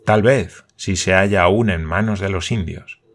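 A man voicing a grave, solemn native guide who answers slowly and tersely. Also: low-pitched.

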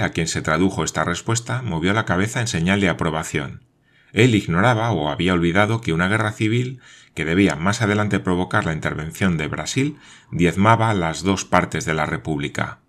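A man narrating a novel as an audiobook, reading in a measured, even way. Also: low-pitched.

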